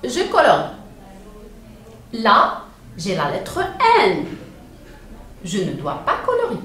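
Slow, sing-song woman teacher, echoey room. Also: medium pitch, wildly swooping pitch, a bit bright, recorded from a distance. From Morocco. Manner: slow, exaggerated syllable-by-syllable pronunciation for young children. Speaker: primary school teacher. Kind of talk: children's reading lesson. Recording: very echoey room with faint ambient noise.

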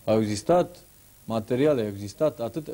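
A man's voice: on the low side, expressive, mellow, slight background noise, poor audio. A man hosting a talk show, asking probing questions with hesitant fillers.

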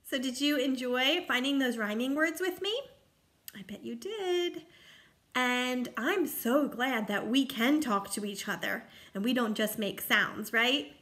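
Picture-book reading for young children from a woman in her thirties whose voice sits high. Teacher-like and sing-song, she reads expressively and pauses for simple questions.

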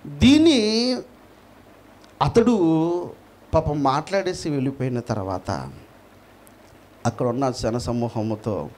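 A man preaching a sermon with a Telugu accent. He swings between loud emphasis and quiet drops, and puts questions to the congregation. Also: medium pitch, expressive, unhurried, pauses often.

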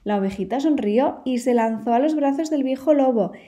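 A woman with a Spain Spanish accent reads a children's story aloud with expressive, lively delivery. Her voice sits high and has a soft, mellow tone. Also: normal speed.

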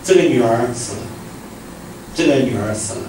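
Animated male pastor preaching in echoing hall. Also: medium pitch, normal speed. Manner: animated preaching, swings from loud exclamations to hushed quiet lines. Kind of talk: sermon. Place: church hall. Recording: echoey hall, distant mic, noisy.

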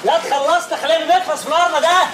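Rowdy Egyptian neighbor, high and rapid; distant, noisy pickup. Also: male voice, fairly even intonation. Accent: Egyptian Arabic. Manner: mocking, rowdy. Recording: distant voice with background noise.

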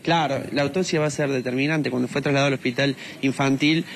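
A man's voice: mid-range voice, steady tone, quick pace, gravelly. A man in his thirties with an Argentine accent reporting live and interviewing on a residential street with a handheld microphone. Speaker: field reporter. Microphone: handheld news microphone. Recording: noisy outdoor live broadcast.

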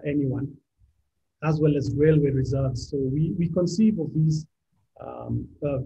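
A male architect from Kenya presenting a design talk over slides, measured, often restarting his phrases. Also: on the high side, gravelly, warm tone. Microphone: video call. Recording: dull lo-fi video call audio with faint noise.

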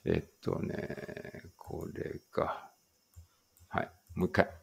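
A man teaching English vocabulary, reading words aloud and thinking aloud as he checks each one. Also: drawn-out words. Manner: thinks aloud while working through a word list. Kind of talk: vocabulary read-aloud lesson.

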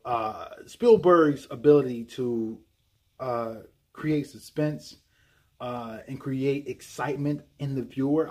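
A man casually recapping a film scene, excited and animated, full of fillers and restarts. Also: mid-range voice, husky. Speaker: film commentator.

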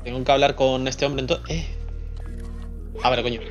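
A man's voice: medium pitch, steady tone, normal speed. A young man with a Spain Spanish accent, casually commenting on a game he plays, joking, swearing and muttering to himself. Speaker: streamer. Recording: slightly dull lo-fi sound with faint music.

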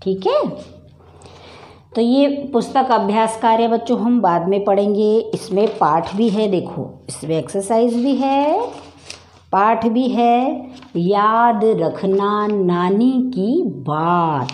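A woman teaching children the Hindi vowel signs, slowly and patiently sounding out each letter. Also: mid-range voice, darkish tone, roomy sound.

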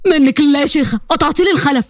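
A woman's voice: high-pitched, racing, no room sound, studio quality, close to an everyday voice. A woman voicing a stern young man with an Egyptian accent, exasperated and scolding his sister. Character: young adult man, stern older brother.

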